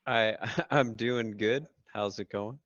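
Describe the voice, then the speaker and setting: Male panel guest, very deep flat voice, dry dull mic, hesitant. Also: slow pace, no echo. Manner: hesitant, self-deprecating. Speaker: panel guest, DJ and event designer. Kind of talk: casual panel talk.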